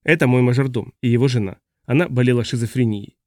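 A man's voice: mid-range voice, fast, no echo, clean studio sound, natural voice. A man voicing a contented middle-aged official in an audiobook reading.

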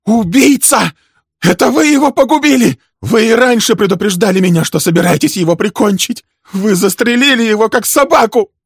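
A man voicing a hysterical, furious woman who shrieks accusations, his voice pushed very high and loud. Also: animated, normal speed, vocal fry, husky, no room sound, studio quality, full character voice. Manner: screaming, shrill.

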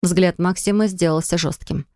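A woman narrating an audiobook in an expressive style, on a studio microphone. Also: normal speed, no echo. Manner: expressive, rising high and loud in the heroine's angry lines.

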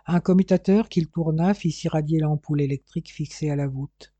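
A male audiobook narrator reads in a measured, steady way. His voice is dark and mellow, pitched somewhat high for a man, and recorded dry and close. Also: no echo, lo-fi sound. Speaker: audiobook reader. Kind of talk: scripted narration.

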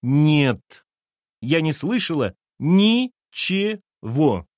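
A man's voice: very animated, drawn-out words, no echo, clean studio sound, heavily acted. A man voicing a nervous young pregnant woman who keeps crying out in desperation in an audiobook. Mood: shrill. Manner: shrill, cries out in desperation.

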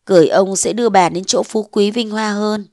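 A woman narrating a short story in a measured, unhurried way. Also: medium pitch, fairly even intonation, a little mellow, dry recording, studio quality.

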